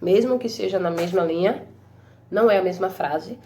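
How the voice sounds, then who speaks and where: A woman's voice: on the low side, moderate pace, dark tone, slight background noise. A woman teaching a Portuguese lesson to children, patient and repetitive, often checking in with her pupils. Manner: patient, repeats key points, frequent check-ins.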